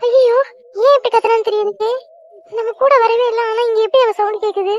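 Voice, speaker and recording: A woman voicing a frightened girl alone in a dark house, calling for her friends and talking to herself. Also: extremely high pitch, steady tone, a little fast, dull audio, voice pushed up. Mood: scared. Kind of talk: cartoon voice acting.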